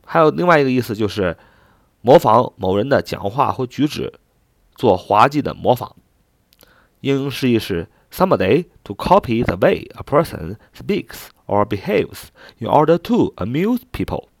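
A man's voice: medium pitch, very animated, normal speed, creaky, no echo. A man teaching English vocabulary, explaining step by step with filler particles and spelling each word out letter by letter. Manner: spells words out letter by letter and repeats them.

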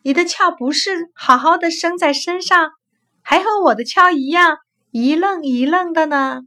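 A woman's voice: high voice, sing-song, measured pace, bright, forceful tone, full character voice. A woman voicing an anxious, kind-hearted blind male river clam who talks eagerly. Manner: eager, exclaiming.

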